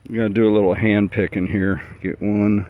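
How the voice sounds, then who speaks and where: Middle-aged guy wandering his backyard garden, lowish voice, rambling and easygoing, thinking out loud. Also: flat delivery, fairly quick, phone-quality sound. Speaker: home gardener giving a garden tour. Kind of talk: casual walk-and-talk.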